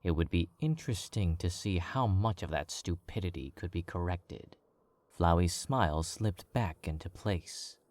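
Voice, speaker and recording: A male narrator with a very deep, low voice reads the story calmly and at a measured pace, his tone steady and controlled as he carries the prose. The recording is dry.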